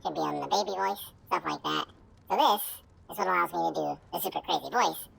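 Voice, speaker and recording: A man speaking through voice-changer software, making a squeaky high baby-like voice. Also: fast talker, heavily acted. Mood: playful. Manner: demonstrating a voice-changer setting. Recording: rough voice-changer audio.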